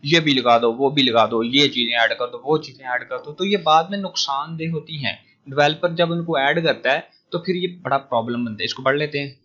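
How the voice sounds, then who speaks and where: A man giving a casual recorded lecture as a tutor, explaining slowly with many fillers and English phrases mixed in. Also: a little high, a bit bright. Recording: dull lo-fi audio.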